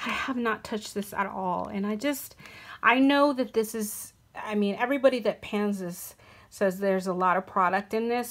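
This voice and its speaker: A young woman chats casually to camera about her makeup, stopping often for ums and small corrections. Her voice sits at an ordinary middle pitch. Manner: chatty, hesitant with frequent ums and self-corrections. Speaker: beauty vlogger. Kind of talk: casual product talk to camera.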